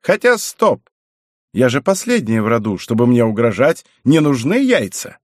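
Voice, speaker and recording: A sly, mocking old woman, as a male reader puts her on, lifting her voice high and taking her time with every teasing line. The voice is dry and close, with no room around it. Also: very animated, moderate pace, darkish tone, no echo, lightly acted.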